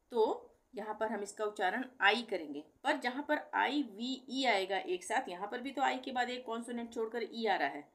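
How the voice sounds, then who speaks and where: Her fairly bright voice on the high side carries a pronunciation lesson. The middle-aged woman teaching it patiently repeats example words and asks herself questions, then answers them, in an explanatory style.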